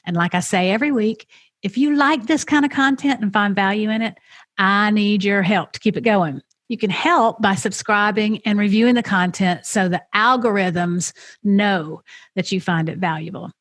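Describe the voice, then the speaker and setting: A woman's voice: mid-range voice, dry recording. A woman hosting a podcast interview, talking emotionally and repeating herself, then speaking straight to her listeners. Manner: emotional, warm-spoken, repeats herself when moved. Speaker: podcast host. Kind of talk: conversational interview and direct-to-listener wrap-up.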